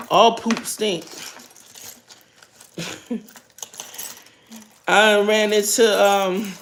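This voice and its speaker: Middle aged american lady just rambling to her vlog, kinda blunt, creaky n unhurried, eating w her mouth full sometimes. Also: medium pitch, slight background noise. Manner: blunt, earthy. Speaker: vlogger. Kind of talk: casual rambling chat.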